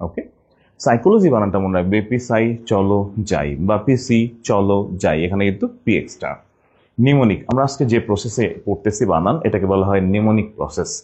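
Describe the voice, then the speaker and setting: A man teaching English spelling in an online class for admission exams, repeating each word slowly, syllable by syllable. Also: on the low side, animated, darkish tone, slightly rough.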